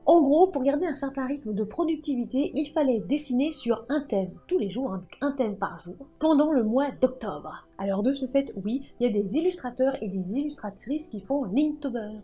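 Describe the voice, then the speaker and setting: A woman hosting a writing and book channel, talking in a lively, chatty way and often joking about herself. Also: high voice, normal speed, few pauses, husky, faint music behind. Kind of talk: casual chatty video talk.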